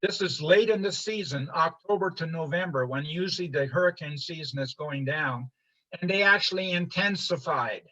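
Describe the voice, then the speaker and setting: An older man from Honduras giving an informal slide lecture, halting with many fillers and restarts. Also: on the high side, bright, forceful tone. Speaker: presenter. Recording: muffled lo-fi livestream audio.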